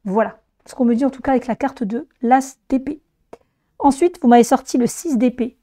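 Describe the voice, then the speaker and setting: A woman with a hoarse, strained voice that sits fairly high yet has a soft, mellow tone. She gives an informal tarot reading, speaking directly to viewers as she explains. Her voice sounds worn by laryngitis. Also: moderate pace. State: hoarse, voice weakened by laryngitis after flu. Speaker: tarot reader presenting a monthly horoscope reading.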